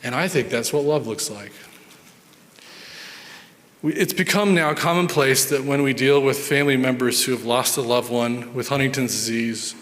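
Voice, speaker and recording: In a reverberant, large conference hall, a male neurologist delivers an earnest storytelling presentation about his patients, often doubling back on words as he thinks. His voice sits at medium pitch with a fairly bright tone.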